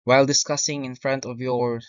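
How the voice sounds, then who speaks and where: Man giving a plodding software tutorial. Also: medium pitch, flat delivery, normal speed, smooth, no echo. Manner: step-by-step, frequent "okay" and "uh" fillers, self-corrections. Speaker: teacher. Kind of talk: screen-recorded software tutorial. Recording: dry, dull lo-fi mic.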